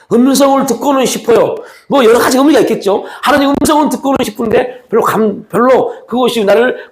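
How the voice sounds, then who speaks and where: A man preaching a sermon as a pastor, moving between raised, pressing appeals and low, hushed lines. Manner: acts out quoted speech of Jesus and the young man.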